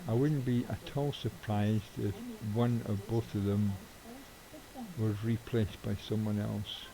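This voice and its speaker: A man's voice: lowish voice, flat delivery, takes it slowly, crowd noise, low-quality recording. A middle-aged man streaming a game, chatting casually in a rambling way with offhand swearing. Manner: rambling, swears casually, chuckles at own jokes. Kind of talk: casual live-stream chat while gaming.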